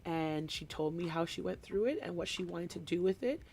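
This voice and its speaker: A woman's voice: on the low side, moderate pace, gravelly, darkish tone, a little hiss or hum. A woman who works as a kindergarten teacher, chatting casually and rambling through classroom anecdotes during a hobby live stream from home.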